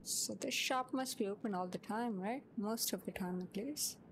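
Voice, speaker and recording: Brief: woman, mid pitch, polite teasing shopkeeper in roleplay. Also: normal speed, husky. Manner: polite yet teasing, calls others sir. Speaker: shop worker in a roleplay game. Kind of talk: casual in-character roleplay chat.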